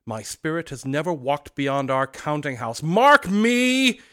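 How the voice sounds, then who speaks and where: A man voicing a tormented old male ghost, speaking loudly, slowly and with great solemnity. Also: a little high, big pitch swings, voice pushed up. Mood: mournful. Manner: loud, slow, declamatory. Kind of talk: storybook reading.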